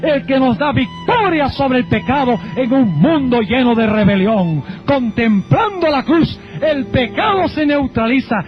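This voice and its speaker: A man preaching a sermon as pastor, dramatic and emphatic, slowing down to stress key words. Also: very high-pitched. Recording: dull lo-fi sound with faint music.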